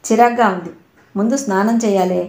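A woman's voice: medium pitch, fairly even intonation, fairly quick, a little mellow, close to an everyday voice. Woman reading as an impatient scolding elder sister. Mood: fretful. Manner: scolding, exasperated. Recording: roomy echo.

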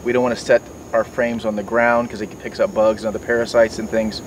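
A man's voice: fairly low pitch, flat delivery, brisk. A middle-aged man in a garden, explaining beekeeping tools step by step with many fillers and restarts. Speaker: beekeeping mentor. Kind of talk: outdoor demonstration. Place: outdoors by garden foliage. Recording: distant mic, outdoor noise.

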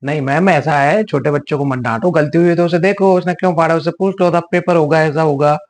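A man's voice: fairly high pitch, brisk. A man hosting a kids' coloring lesson, talking in a soothing, coaxing, sing-song way to children. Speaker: children's drawing channel host. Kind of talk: acted skit and coloring lesson for kids.

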